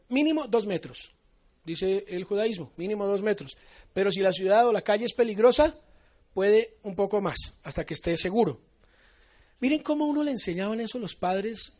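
A man with a Colombian accent giving an animated Torah teaching to his congregation, acting out little everyday dialogues as he goes. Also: high-pitched.

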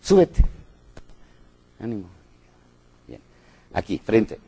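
Mexican male seminar speaker, husky voice, expressive pitch, constantly checking in with the audience. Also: slow pace. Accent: Mexican Spanish. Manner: animated, quizzes the audience with frequent tag questions. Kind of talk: live business lecture with jokes.

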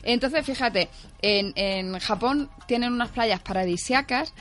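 A woman's voice: on the high side, unhurried, soft background music. Chatty woman in her thirties on radio. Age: 30s. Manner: chatty, animated anecdote-telling with quoted dialogue. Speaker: section contributor on a radio show. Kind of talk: casual radio chat and storytelling.

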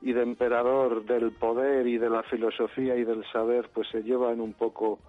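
A man's voice: medium pitch, level tone. A man from Madrid, an actor, speaking in a phone interview, hesitant and full of restarts. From Madrid, Spain. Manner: halting, restarts often, searching for words. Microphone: telephone. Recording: phone line.

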